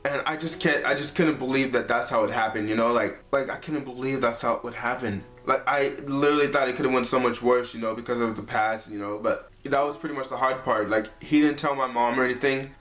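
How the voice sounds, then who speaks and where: A man's voice: medium pitch, steady tone, a little fast, few pauses, a bit bright. A man in his twenties telling a personal story to camera in a casual, heartfelt way, leaning on "like" and "you know.". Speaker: vlogger. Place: his apartment, indoors. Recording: echoey room, faint music behind.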